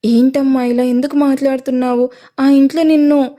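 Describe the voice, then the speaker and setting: A woman voicing a worried, gentle middle-aged mother in an audio story. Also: high-pitched, level tone, brisk, close to an everyday voice. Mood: anxious gentle. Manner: anxious, gentle.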